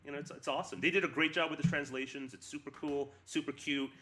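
A man co-hosting a casual gaming podcast, talking in a halting, rambling way with repeated false starts. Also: on the high side, steady tone, pushed and bright. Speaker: podcast co-host.

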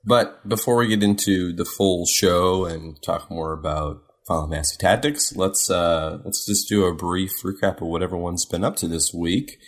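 A man's voice: low-pitched, steady tone, moderate pace, few pauses. A man hosting a casual podcast, easygoing and chuckling as he steers the introductions and keeps the chat moving. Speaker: podcast host.

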